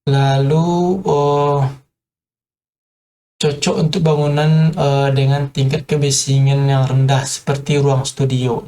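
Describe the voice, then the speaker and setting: Talking slowly in a mellow, medium-pitched voice that barely moves in pitch, this construction explainer gives a casual tutorial. He hesitates a lot, fills gaps with sounds, and addresses viewers as friends.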